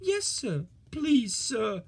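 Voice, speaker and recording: A reader voicing a cheeky, excitable little tank engine in a storybook, speaking high and chanting. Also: takes it slowly, full character voice. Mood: nervous. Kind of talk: storybook reading.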